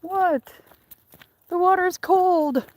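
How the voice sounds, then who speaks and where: Out on a neighborhood stroll, a livestreamer hosts a walk-along with casual, teasing, salty chatter that rambles wryly. Her very high voice takes its time and has no echo, though the handheld outdoor audio is noisy.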